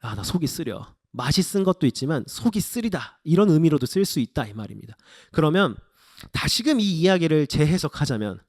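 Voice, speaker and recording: A man's voice: fairly high pitch, sing-song, a little fast, darkish tone, dry recording, studio quality. A man preaching a sermon in a church, retelling a scripture story vividly and acting out its voices. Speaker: evangelist preacher. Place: church sanctuary.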